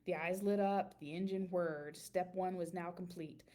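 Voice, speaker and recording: A woman with a fairly low voice reads a children's picture book aloud, telling the story expressively with dramatic emphasis and stretched-out words.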